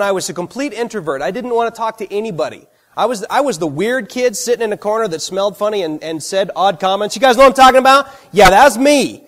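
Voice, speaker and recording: A man preaching a sermon, telling personal stories with animated, self-deprecating humor. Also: high voice.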